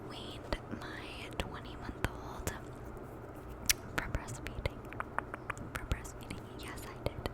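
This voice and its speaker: Whispering woman, slow ASMR ramble. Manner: soft whispering with repeated words. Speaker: ASMR video host. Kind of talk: whispered ASMR ramble, casual chat to viewers.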